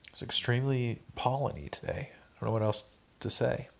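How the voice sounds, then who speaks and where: A man's voice: medium pitch, steady tone, brisk, vocal fry, a little hiss or hum. A young man with a stuffed-up nose, tired and laid-back, casually recapping his day to viewers in a rambling, slangy vlog. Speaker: vlogger.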